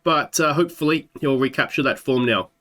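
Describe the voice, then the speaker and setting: Speaking fairly quickly with a sharp tone, a male Australian YouTuber in his thirties narrates a football management game at his desk mic. His pitch sits mid-range, a slight sore throat is audible, and he thinks aloud with filler words in this let's play.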